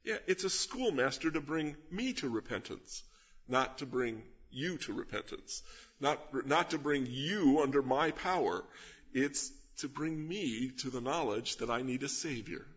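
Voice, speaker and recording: A pastor gives an expository sermon in a husky, rather breathy voice of medium pitch with a slightly bright edge. He teaches earnestly at an unhurried pace, his intonation lively as he stresses key words and puts rhetorical questions to his listeners. The recording is a little dull and lo-fi.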